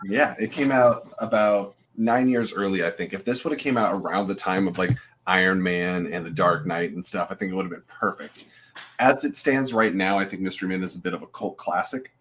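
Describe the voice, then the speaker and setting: A man's voice: deep voice, fairly quick, fairly bright tone, slight background noise. A man co-hosting a podcast, talking casually and rambling with lots of filler uhs. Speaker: co-host.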